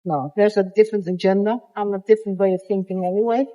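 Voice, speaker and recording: A man's voice: high-pitched, fairly even intonation, fast talker, mellow, poor audio. An older man giving blunt answers in a street interview, repeating words as he gathers his thoughts.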